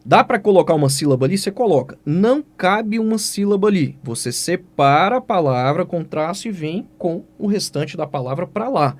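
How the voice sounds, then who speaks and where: A man's voice: high voice, moderate pace, hardly any pauses. A man with a Brazilian Portuguese accent teaching an exam-prep writing lesson, who keeps asking questions aloud and answering them himself. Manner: lively, asks and answers his own questions.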